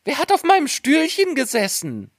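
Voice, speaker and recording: A man voicing a group of little male dwarfs in a storybook reading, with a high squeaky voice. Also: huge pitch swings, moderate pace, dry recording, clean studio sound, exaggerated voice. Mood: puzzled.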